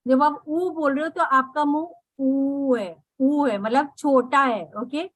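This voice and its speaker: Woman meditation guide; high-pitched, slow and patient, instructive, recorded dry and close. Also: dry recording, low-quality recording. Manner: unhurried, repeats "okay" often, mixes in English words. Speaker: meditation teacher.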